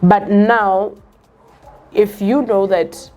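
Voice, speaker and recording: A young South African woman with a Zulu-tinged accent chats casually and earnestly, switching between English and Zulu. Her medium-pitched voice is warm, fairly even in intonation, and extremely slow.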